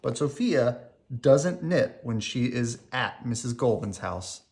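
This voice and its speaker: Reading a picture book aloud slowly and carefully, a storyteller uses a mid-range pitch with lively swings and a creaky quality. The phrasing is animated, meant for young children at bedtime.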